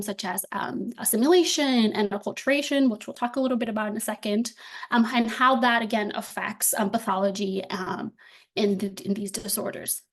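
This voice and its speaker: A young woman from the Dominican Republic, a doctoral student giving an academic talk over a video call, friendly and full of filler ums. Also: a little high. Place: indoor room at home. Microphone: laptop webcam on video call.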